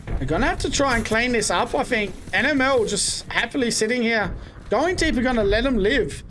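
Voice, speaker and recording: A man's voice: extremely high pitch, animated, fairly bright tone, a little hiss or hum. A young man doing casual live play-by-play commentary on an esports match. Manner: quick, running play-by-play with casual asides. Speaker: esports caster.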